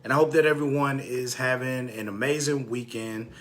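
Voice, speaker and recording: A man's voice: medium pitch, steady tone, moderate pace. A man, a bit congested, chatting casually to viewers while hosting a livestream about home businesses. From Texas, US. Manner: chatty, repeats phrases, drops off to mutter while checking phone. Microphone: phone.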